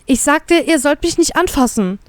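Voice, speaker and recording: A woman's voice: high-pitched, animated, normal speed, no room sound, pitched above the performer's own voice. A woman voicing a frightened, defiant young woman held captive, who stammers as she speaks. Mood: fierce panic. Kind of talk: fanfiction audiobook reading.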